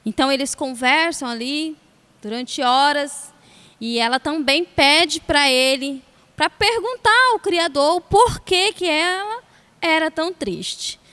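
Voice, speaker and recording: A woman telling a fable aloud in a church, expressive, with dramatic pauses. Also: high-pitched. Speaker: storyteller. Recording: long church hall reverb.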